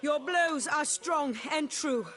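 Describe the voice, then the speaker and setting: A woman's voice: high voice, slow, noisy background. A woman voicing a proud female knight who speaks in a formal, archaic, challenging way.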